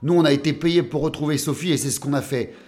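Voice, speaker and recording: Male narrator as a cool, reasonable detective partner, slightly high voice. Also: quick pace, a little mellow, lightly acted. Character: calm, matter-of-fact male private detective.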